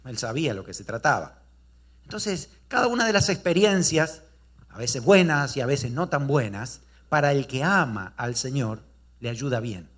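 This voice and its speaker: A male pastor preaching a sermon, telling a story with animated delivery and rhetorical questions to the congregation. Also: medium pitch, normal speed.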